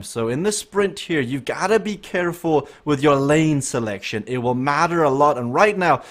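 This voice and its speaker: Excitable man calling a cycling race. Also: a little high. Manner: excitable, rising to shouts at the finish. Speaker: race commentator and host. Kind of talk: live esports cycling commentary.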